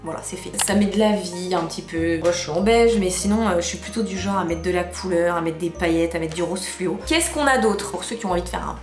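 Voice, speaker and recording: A woman's voice: fairly low pitch, fairly quick, hardly any pauses, roomy sound, music in the background. A woman in her thirties with a Northern French ch'ti accent, chatting casually and self-mockingly to her vlog audience. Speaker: vlogger. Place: outdoors in the sun, then indoors.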